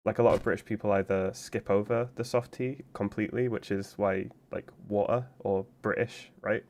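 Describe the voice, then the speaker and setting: Man, somewhat low voice, casual game streamer, rambling explainer, lots of filler words. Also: darkish tone. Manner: rambling, explanatory, heavy use of "like". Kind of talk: casual chat while playing a game.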